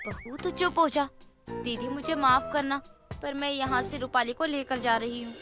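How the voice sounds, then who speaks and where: A woman voicing a stern middle-aged mother-in-law in an animated story, firm and scolding. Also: sits high, normal speed, faint music behind. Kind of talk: animated cartoon voice acting.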